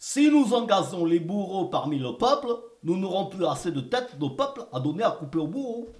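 Give me an anxious, long-suffering royal servant voiced by a man, high-pitched and slow, in an echoey room. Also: very animated. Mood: deferential. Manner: deferential, anxious.

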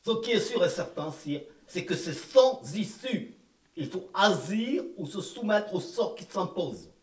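A man's voice: high-pitched, animated, unhurried. A man playing a fretful, long-suffering royal servant in a comic sketch, deferential and anxious. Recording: echoey room.

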